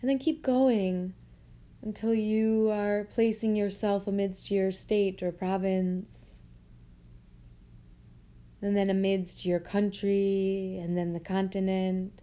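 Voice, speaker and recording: Through slightly muffled audio, a medium-pitched woman offers a guided meditation. She is gentle and soothing, moves slowly with long pauses, and keeps her delivery flat.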